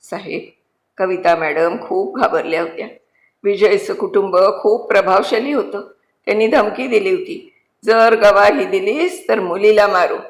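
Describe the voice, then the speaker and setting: A woman voicing a humble male convict who speaks respectfully and softly, calling the jailer sir, in a story reading. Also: medium pitch, unhurried, natural voice. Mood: subdued, solemn. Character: humble male convict, quiet, remorseless protector. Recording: roomy echo.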